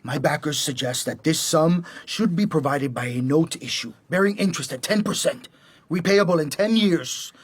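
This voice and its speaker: A male actor with a fairly high pitch plays a ruthless, mocking American assassin who chairs a criminal cartel in a radio drama. His delivery is husky and commanding at a normal speed, cold and businesslike, in a dry recording.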